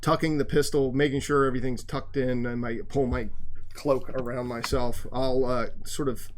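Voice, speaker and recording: A man's voice: medium pitch, flat delivery, moderate pace, slight background noise. A man playing a tabletop game, thinking aloud as he plans his character's moves over an online call. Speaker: player. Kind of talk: casual tabletop game play.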